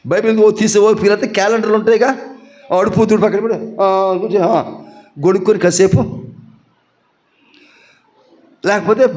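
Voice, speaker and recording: A man preaching a sermon as pastor. He asks the congregation questions and answers them with homely examples, and rises to loud, emphatic peaks. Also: high voice.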